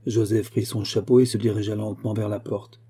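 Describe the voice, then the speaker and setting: A man reads a novel aloud in a measured, steady narration. His voice is very dark and carries a slight huskiness. He keeps an even storytelling pace. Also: lowish voice, husky. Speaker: audiobook reader. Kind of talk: scripted narration.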